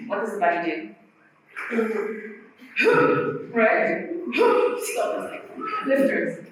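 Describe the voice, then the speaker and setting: A woman giving a conference workshop talk about the voice, explaining patiently and demonstrating breathy and glottal sounds. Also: mid-range voice, a bit bright, slight background noise. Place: conference hall. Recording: very echoey hall from far off.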